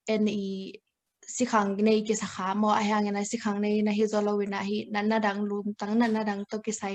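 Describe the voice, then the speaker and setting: A woman leads an online health talk, pausing on fillers as she works through English medical terms. Her voice stays flat, with little rise and fall. She sounds like she's on a video call. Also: medium pitch. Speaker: health presenter.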